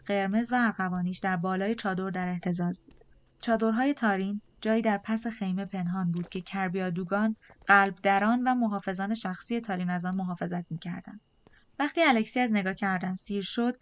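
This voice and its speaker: A woman narrating a novel in the first person, with a calm and measured reading style. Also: medium pitch, no echo. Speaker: audiobook narrator.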